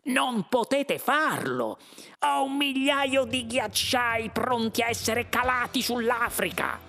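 A man voicing an old man who speaks slowly and protests with wounded pride. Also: medium pitch, gravelly, slightly rough, dry recording, soft background music, exaggerated voice. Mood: outraged. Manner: slow, protesting. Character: indignant old man, fussy artisan.

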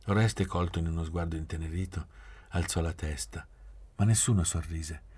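A man reading a novel aloud in measured, quiet literary narration. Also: low voice, fairly even intonation, husky. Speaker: reader.

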